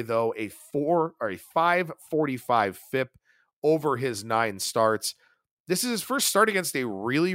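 Male betting podcast host, solo analysis, lively pitch, dry close mic. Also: no echo. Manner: rapid stat-heavy delivery, animated.

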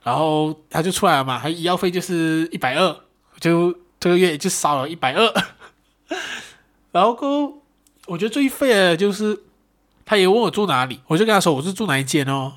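A young man, hosting a casual solo podcast and telling an animated, self-mocking story with some swearing. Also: high-pitched, a little fast. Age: young adult. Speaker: podcast host.

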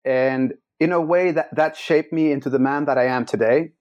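A man in his forties from the Netherlands, a podcast guest telling his own life story in an earnest, measured way with many pauses and restarts. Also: medium pitch, a little mellow, muffled recording. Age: 40s. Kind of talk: reflective personal storytelling.

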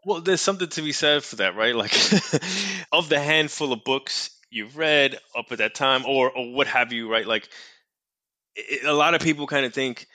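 A man's voice: medium pitch, normal speed, bright, forceful tone, no room sound. A male host chatting casually, laid-back and conversational, often checking in with "right?". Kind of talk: casual podcast chat.

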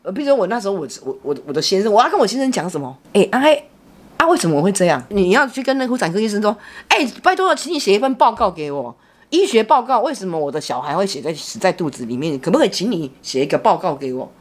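A middle-aged woman, telling a personal story in casual chat. She talks in an animated way, with many restarts and repeated words. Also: medium pitch, fast talker. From Taiwan. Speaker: podcast co-host, mother.

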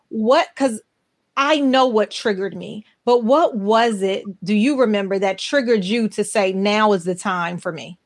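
A woman in her forties hosting a podcast interview, telling personal stories in an earnest, emphatic way. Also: mid-range voice. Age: 40s. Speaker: podcast host. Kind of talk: conversational interview.

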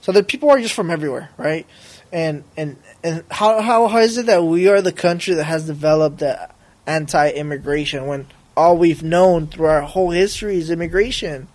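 Higher-voiced man chatting loosely as a guest. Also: moderate pace, a little mellow. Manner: slangy, rambling, peppered with bro and right. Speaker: podcast guest. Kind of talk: casual conversation.

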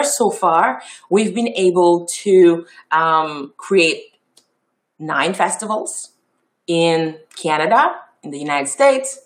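Haitian-accented woman giving a casual talk. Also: on the low side. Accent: Haitian French and Creole. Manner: warm, chatty, many ums and restarts. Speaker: festival founder giving a talk.

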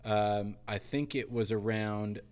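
A man with a fairly low voice hosting a casual podcast. He is relaxed and chatty, leading questions and telling stories at an easy pace. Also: slow pace, clear, resonant tone. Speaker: podcast host. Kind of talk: casual faith podcast chat.

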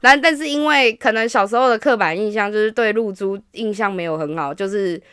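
A woman's voice: medium pitch, fairly quick, clear, resonant tone, no echo. Brief: candid female podcast co-host, dry studio mic sound. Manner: frank, animated storyteller. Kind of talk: casual podcast chat.

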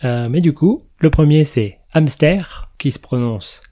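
A man's voice: a little high, a little slow, warm tone. A man hosting a podcast in a casual, explanatory chat, laughing now and then at his own remarks. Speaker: podcast host.

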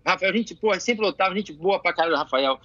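A middle-aged Brazilian man, a jiu-jitsu coach and father, telling animated stories in casual chat, swearing freely and restarting his phrases. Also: high-pitched, fairly quick, no echo, lo-fi sound.

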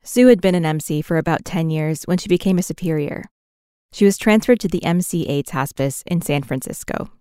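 A woman narrating a documentary podcast in a scripted, measured way. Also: sits low, mellow, smooth, dry recording, clean studio sound.

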